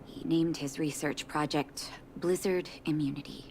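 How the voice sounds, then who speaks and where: A woman voicing a doctor in a video game, telling a story in calm, measured dialogue. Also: deep voice, noisy background.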